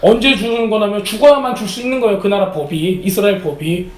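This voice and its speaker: A man preaching a sermon as pastor, animated, often acting out the lines of the people in his story. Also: high-pitched, fast, reverberant, poor audio. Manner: animated, acts out quotes of characters. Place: church sanctuary.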